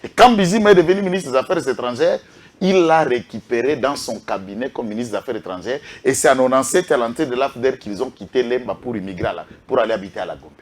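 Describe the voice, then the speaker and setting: A man's voice: mid-range voice, fast talker. A man with a Congolese French accent giving impassioned political commentary, emphatic and full of rhetorical questions. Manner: emphatic, rhetorical questions, lists names with a repeated "est qui?".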